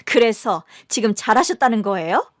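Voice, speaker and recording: A woman's voice: fairly high pitch, expressive, moderate pace, no echo, close to an everyday voice. A proud, wealthy middle-aged mother-in-law sneers down at the family she thinks beneath her, as a woman puts her on. Her voice jumps up sharply when she is challenged. The read is dry and close to the mic. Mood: scornful.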